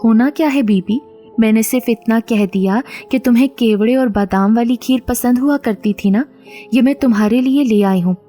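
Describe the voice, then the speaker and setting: A woman's voice: fairly high pitch, normal speed, warm tone, soft background music, lightly acted. A woman voicing a playful young woman who is secretly a possessing spirit, speaking with feigned innocence. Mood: teasing. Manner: teasing, innocent-sounding.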